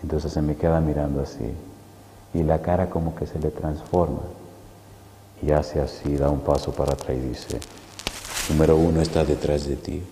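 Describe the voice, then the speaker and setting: Low, gravelly preacher telling a story. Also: male voice, normal speed. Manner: animated and vivid, acting out scenes. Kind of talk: sermon storytelling. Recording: echoey hall, faint noise.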